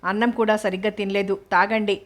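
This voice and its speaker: ఒక స్త్రీ చదివే సౌమ్యమైన యువ భార్య. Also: female voice, medium pitch, level tone, a little fast, close to an everyday voice. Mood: meek. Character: meek, gentle young wife.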